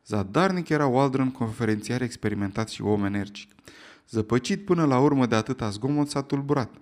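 A man narrates an audiobook at a middle pitch. His storytelling is steady and even. He keeps the telling calm through the story.

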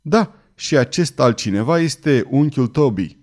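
A man's voice: mid-range voice, animated, darkish tone, natural voice. A man reading an audiobook, voicing a hearty, teasing male sea captain.

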